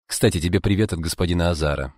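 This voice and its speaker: A man's voice: sits low, fast, a little mellow, dry recording, clean studio sound, pitched below the performer's own voice. A man playing a sneering smug rival. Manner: sneering, mocking. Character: smug rival businessman, sneering and quick-tempered.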